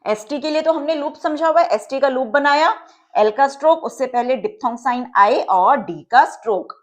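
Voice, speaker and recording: A woman's voice: high-pitched, normal speed. A woman teacher giving a patient, step-by-step lesson, checking that her students follow along.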